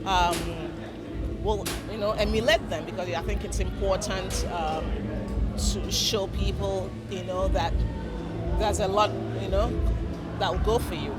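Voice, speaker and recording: A man answering interview questions in halting, hesitant phrases. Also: high voice, steady tone. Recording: loud music behind interview.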